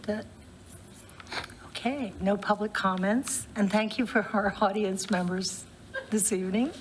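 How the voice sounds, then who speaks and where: A woman chairing a public committee meeting, relaxed and chatty, with a voice she says she is losing. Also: mid-range voice, measured pace, slight background noise. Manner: warm, loose, laughs between remarks. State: losing her voice.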